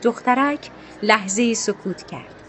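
A woman narrating a scripted story in a calm, measured, literary way. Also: a little high, a little hiss or hum.

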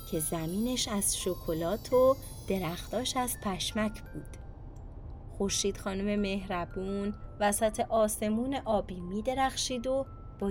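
A woman storyteller hosting a children's podcast, narrating a scripted bedtime story in a soft, soothing way. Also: mid-range voice.

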